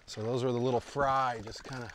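Guest angler, even mid voice, chatty and curious, faint outdoor noise. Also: male voice, medium pitch, fairly quick. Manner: exclamatory, curious. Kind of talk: casual on-the-water chat. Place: outdoors on a boat on a river.

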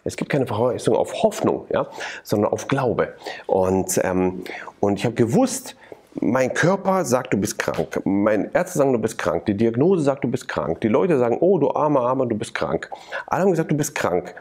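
A man's voice: medium pitch, big pitch swings, normal speed, a little mellow, breathy edge. A man telling his faith testimony in an interview, earnest and preaching, with many repeated phrases. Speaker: interview guest.

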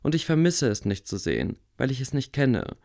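Man voicing a blind boy wizard, calm, low-key, wry, lively intonation. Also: normal speed, creaky. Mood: earnest. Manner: quiet, level.

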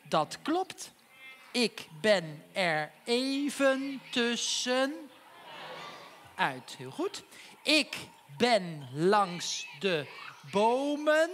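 A goofy, childlike clown. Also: male voice, extremely high pitch, a bit bright, a little hiss or hum, exaggerated voice. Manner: playful, talks directly to the children in the audience. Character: goofy childlike man clown, cheerful and naive. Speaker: stage comedian. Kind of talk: live children's theatre comedy. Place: theatre stage.

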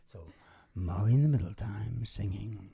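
An older man hosts a live radio show from a small indoor stage, bantering into a stand microphone. His voice is lowish, unhurried, creaky, mellow and a bit rough, and he rambles along in a casual, playful, folksy manner.

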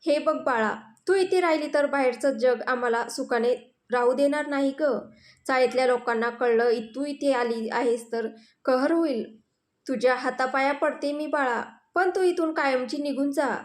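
A woman's voice: high voice, normal speed, lightly acted. A woman doing a frightened older mother. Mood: anxious. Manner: fearful, stammering, urgent hushed pleas.

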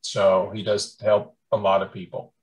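A man's voice: low voice, monotone, unhurried, poor audio. A man co-hosting a podcast, chatting casually and telling a story. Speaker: podcast co-host.

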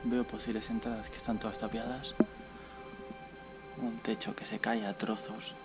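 A young man with a Spain Spanish accent, narrating as he carefully explores an abandoned building, often talking low and cautiously. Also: flat delivery, moderate pace, over loud music. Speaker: urban explorer vlogger. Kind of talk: casual vlog narration. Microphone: action camera.

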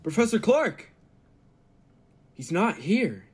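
In an old-time radio drama, a male actor plays a grave, calculating laboratory assistant, speaking formally in a husky voice that sits high. His delivery is slow and exaggerated, with big pitch swings and an alarmed mood.

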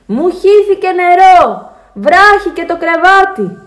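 A woman doing a shrill, restless little boy. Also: sing-song, exaggerated voice. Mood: pleading, shouting. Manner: high, loud pleading calls. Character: restless four-year-old boy calling his dad.

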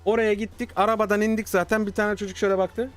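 A man streaming live, telling a story casually to his chat, animated and swearing freely. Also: sits high, fast, faint music behind. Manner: animated, swears freely, acts out quoted dialogue.

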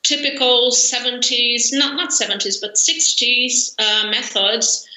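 This is a conversational interview with a language learner, a woman in her forties who speaks with a Brazilian Portuguese accent from an indoor room at home. Her slightly high, very bright voice moves slowly, with frequent filler pauses and easy laughter. Picked up by a webcam on a video call, the sound is echoey and roomy.

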